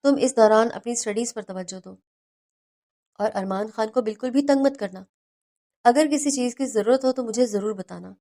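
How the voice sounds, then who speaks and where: A man's voice: sits high, mellow. A woman voicing a caring older brother who talks fondly and teasingly to his younger sister on the phone in a storybook reading. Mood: affectionate.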